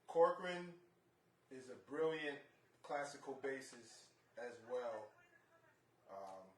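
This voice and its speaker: A man talking casually between songs on a live stream, relaxed and rambling, with many fillers and restarts. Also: medium pitch, slow. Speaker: jazz bassist. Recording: roomy, distant mic with faint noise.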